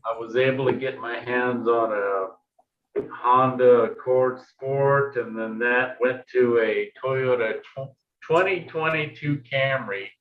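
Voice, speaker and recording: Casual man in his 50s, slow and easygoing, heard from far off in a roomy space over muffled audio. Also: medium pitch. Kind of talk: casual chat. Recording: distant, roomy, dull remote audio.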